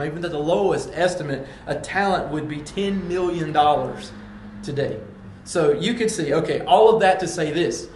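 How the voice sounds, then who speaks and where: A man's voice: on the high side, roomy sound, a little hiss or hum. A man preaching a sermon in an earnest way, breaking into acted-out pleas and quotes. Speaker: pastor.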